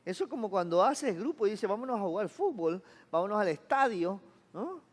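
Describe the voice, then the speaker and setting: A man's voice: high-pitched, very animated, fairly quick, big-room sound. A man, a pastor preaching to his congregation in a chatty style, often asking them whether they follow along. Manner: conversational preaching, asks the congregation for agreement. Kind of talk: sermon. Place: church.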